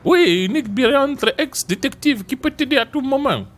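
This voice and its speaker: An excitable male police chief from a game, talking high and bouncy with a Marseille accent, as a man puts him on. His voice leaps around constantly, with soft music in the background. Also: normal speed. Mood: briefing. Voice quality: high and bright.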